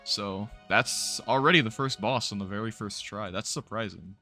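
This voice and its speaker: A young man giving casual, animated let's-play commentary, laughing and swearing often while playing. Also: fairly low pitch, moderate pace, soft background music. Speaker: gaming YouTuber. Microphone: new studio mic.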